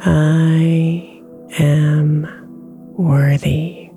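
A woman guiding a sleep meditation with affirmations, speaking softly and slipping into whispers, over soft music in the background. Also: low-pitched, little pitch movement. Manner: slow, soft-spoken, drifting into whispers. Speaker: meditation guide.

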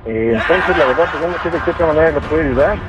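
A man answering a work phone in a courteous, customer-service tone, holding firm when pushed. His voice is high and fast. The call sounds muffled, with music playing clearly underneath. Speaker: prank call target, butcher shop worker.

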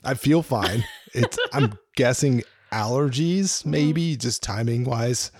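A man's voice: mid-range voice, takes it slowly, slightly rough, no echo. A man co-hosting a podcast, fighting a cough, chatting with laughter and apologies. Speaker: podcast co-host. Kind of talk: casual chat.

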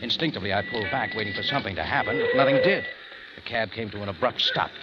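A man's voice: fairly low pitch, fast talker, close to an everyday voice. An actor playing a tough, hard-boiled adventurer who narrates his own story in an old radio drama, with a clipped, wry delivery. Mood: hard-boiled narration. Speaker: narrator and lead. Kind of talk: 1950s radio drama acting. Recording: dull old radio broadcast with music.

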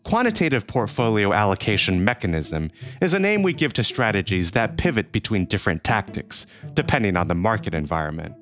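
A man's voice: fairly low pitch, very animated, fairly quick, few pauses, a bit bright, soft background music. A man hosting a podcast with scripted narration. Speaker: podcast host.

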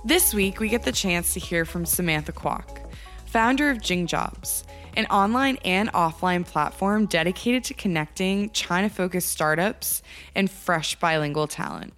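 A woman's voice: on the low side, measured pace, fairly bright tone, soft background music. Upbeat woman podcast host. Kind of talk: scripted intro then interview.

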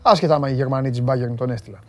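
Joking sports talk host. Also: male voice, medium pitch, faint music behind. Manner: joking, animated, banters with studio crew. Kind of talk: casual sports talk, reading viewer comments.

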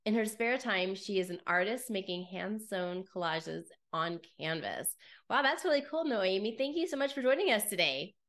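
A woman's voice: medium pitch, animated, moderate pace, a bit bright. A woman hosting a podcast interview, upbeat and enthusiastic, asking long, winding questions. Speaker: podcast host.

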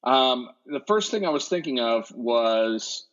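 Man, casual podcast chat, rambling, mid pitch, dull lo-fi sound. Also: expressive, slow, fairly bright tone. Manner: rambling, hesitant restarts, laughs often. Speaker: podcast co-host. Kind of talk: casual movie-list chat. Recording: dull lo-fi recording.

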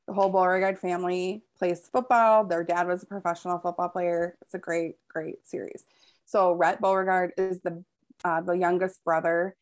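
A woman co-hosting a casual book chat, breezily summarizing the plot of her pick. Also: lowish voice. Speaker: podcast co-host pitching a book pick.

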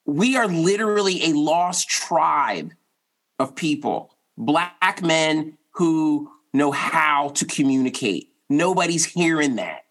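A man's voice: a little high, animated, takes it slowly, fairly bright tone. A man talking casually and emphatically, making his points by acting out imagined quotes in everyday speech. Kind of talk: casual animated conversation.

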